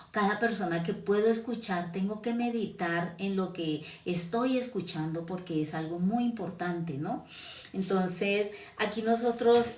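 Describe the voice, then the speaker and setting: A woman's voice: fairly low pitch, darkish tone, far from the mic. A woman from Huila, Colombia, with a Huila accent, giving an informal sermon in a conversational way, often checking in with "¿no?" and "¿sí?". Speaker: preacher. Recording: echoey room, voice from off-mic.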